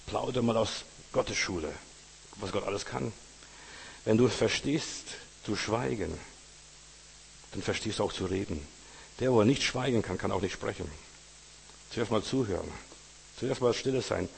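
A man's voice: fairly low pitch, moderate pace, gravelly, pauses often, in a large hall, a little hiss or hum. A man preaching a sermon informally, speaking to the listener as a friend and retelling parables. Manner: informal, addresses listener as du, retells stories with acted quotes.

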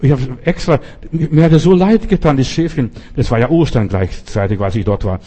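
A man's voice: mid-range voice, fairly quick, warm tone. A middle-aged man preaching a sermon, emphatic and repeating key words for stress.

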